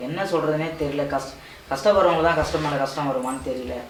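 A man's voice: a little high, a little fast, a bit bright, slight background noise. A man with a Ramnad Tamil accent playing a distressed husband who falters and keeps repeating reassurances to his wife. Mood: distressed, reassuring. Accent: southern Tamil, Ramnad. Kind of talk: amateur family drama. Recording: echoey room, mic far off.

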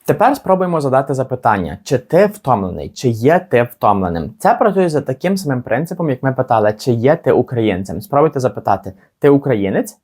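Male teacher, animated delivery, slow model phrases. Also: mid-range voice, husky. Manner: slow, drawn-out model phrases between quick explanations. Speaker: English teacher. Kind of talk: language lesson.

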